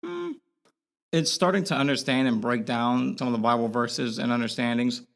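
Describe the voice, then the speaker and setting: A young Boston-accented man guests on a casual podcast, speaking candidly in a mid-pitched, sing-song, creaky voice. He halts often, stopping and restarting sentences as he thinks.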